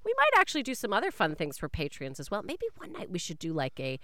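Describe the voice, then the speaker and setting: A woman's voice: fairly low pitch, huge pitch swings, fast, fairly bright tone, no room sound, clean studio sound. A woman co-hosting a podcast in casual comic chat, enthusiastic and playful. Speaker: podcast co-host.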